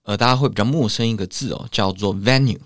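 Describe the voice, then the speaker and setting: A man's voice: fairly low pitch, quick pace, fairly bright tone, no echo, clean studio sound. A man with a Taiwanese Mandarin accent co-hosting a bilingual English lesson, explaining words chattily and ribbing his co-host. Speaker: podcast co-host and English teacher.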